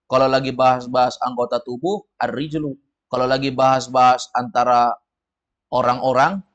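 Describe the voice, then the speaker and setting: A man's voice: medium pitch, lo-fi sound. A man teaching an Arabic lesson to a group, saying words for them to repeat and explaining their meanings. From of Padang descent. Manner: drills words, students repeat. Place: study room with a group.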